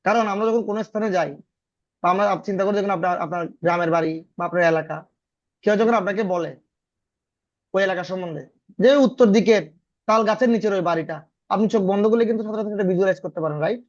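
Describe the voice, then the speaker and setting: A man teaching a scripture class over a video call, explaining step by step with frequent check-in questions and chanting verses slowly in a singsong tone. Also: sits high, no echo, dull audio. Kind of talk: online scripture lesson.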